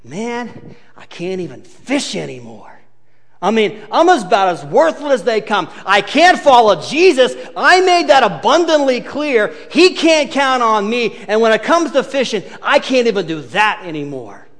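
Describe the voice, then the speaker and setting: A man's voice: sits high, big pitch swings, measured pace, fairly bright tone, full character voice. A man voicing a discouraged male fisherman disciple who talks in a self-pitying, pleading way, in a reverberant hall. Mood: dejected.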